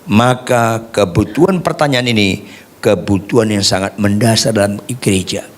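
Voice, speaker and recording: A man preaching a sermon as pastor, lively and humorous, swinging between soft asides and raised points. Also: on the low side, moderate pace.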